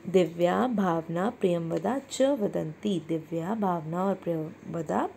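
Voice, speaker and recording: A woman teacher speaks slowly and deliberately, addressing the children directly as she explains each example in turn. Her voice is mellow and warm. Faint noise sits in the background. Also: fairly low pitch, creaky. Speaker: Sanskrit teacher. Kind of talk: classroom lesson explaining sentences.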